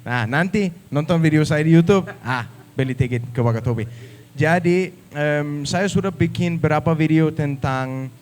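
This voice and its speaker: A man's voice: fairly high pitch, normal speed, darkish tone. A man from Denmark with a Danish accent, speaking Indonesian as a foreigner with some English mixed in, giving an informal talk to an audience. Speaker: guest speaker, travel YouTuber.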